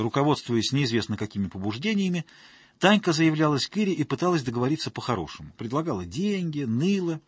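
A man's voice: medium pitch, breathy edge, no echo. A man narrating an audiobook in a wry, colloquial storytelling manner.

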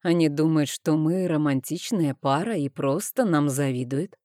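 Brazen male dragon lover for an audiobook, low and slow, read by a woman, mellow tone, dry close sound. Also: no room sound, lightly acted. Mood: teasing.

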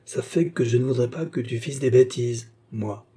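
A man's voice: mid-range voice, normal speed, dark tone, slightly rough, close to an everyday voice. A man voicing a scheming working-class man in an audiobook, speaking in a guarded, mysterious way. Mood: sly guarded. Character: scheming sly male fellow worker.

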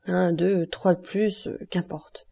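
Anguished male prosecutor voiced by a woman, tense urgent outbursts, lowish husky voice, audiobook drama. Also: flat delivery, takes it slowly, warm tone, exaggerated voice. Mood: brooding. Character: anguished middle-aged male royal prosecutor.

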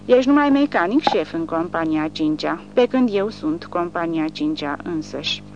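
A woman voicing a coarse, bullying male army sergeant who shouts and blusters. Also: fairly low pitch, animated. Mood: angry. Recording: dull recording with faint hum.

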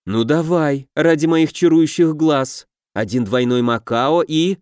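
A man's voice: on the high side, unhurried, a little mellow, smooth, dry recording, studio quality, natural voice. A man reading an audiobook voices a playful young witch who teases and coaxes. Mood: cooing. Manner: teasing, coaxing, cooing.

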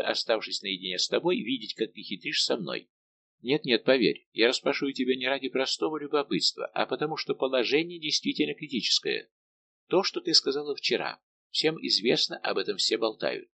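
A quick-witted young court lady presses her friend with teasing, persistent questions, voiced by a man reading an audiobook. Her tone is mid-range and gravelly, and a faint hiss sits in the background. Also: mid-range voice, sharp tone. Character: lively, insistent young female court maid of honour.

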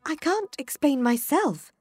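High, earnest little girl, played by a woman, lively lilt, dry close sound. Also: a little slow, no room sound. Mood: bewildered. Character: confused, polite young girl. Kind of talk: storybook reading.

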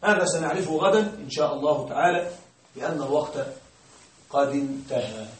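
A man's voice: fairly high pitch, fairly quick. A man teaching grammar to a class, often asking a question aloud and then answering it himself. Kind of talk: classroom lecture. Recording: roomy, distant mic.

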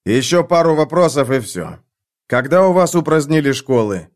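A man's voice: a little high, very animated, normal speed. A man reading an audiobook, voicing a curt male questioner with matter-of-fact delivery. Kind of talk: audiobook character voice.

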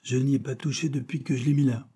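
A man's voice: medium pitch, steady tone, fast talker, warm tone, breathy edge, pitched above the performer's own voice. A man voicing a worried mill owner who exclaims in alarm, read in an audiobook. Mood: puzzled, alarmed. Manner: agitated, exclaiming.

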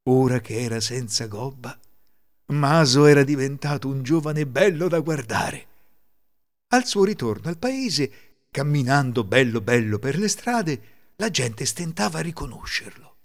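An Italian man narrating a folk tale in a theatrical, expressive reading. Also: medium pitch, unhurried. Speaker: storyteller.

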